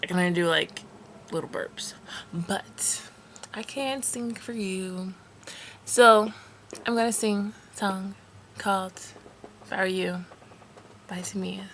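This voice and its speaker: A woman's voice: medium pitch, measured pace, long pauses, a bit bright, a little hiss or hum. A woman vlogger chatting casually to her viewers in a playful, giggly, informal way. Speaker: podcast host and video vlogger. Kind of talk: casual vlog chat to camera.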